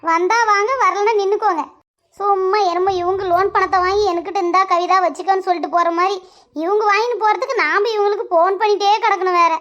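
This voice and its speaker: Woman doing a sulky scheming sister-in-law, really high squeaky voice, whiny and pushy. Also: fairly even intonation, quick pace, fairly bright tone, dull audio.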